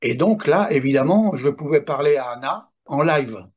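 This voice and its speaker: A man in his seventies tells his own story as an interviewee. His voice sits a little high and sounds husky. He talks emphatically and drops in small asides to drive his points home. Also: expressive, moderate pace, a little mellow. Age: 70s. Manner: emphatic storyteller, adds asides like "hein, attention". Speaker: interviewee recounting paranormal experiences. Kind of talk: animated personal testimony.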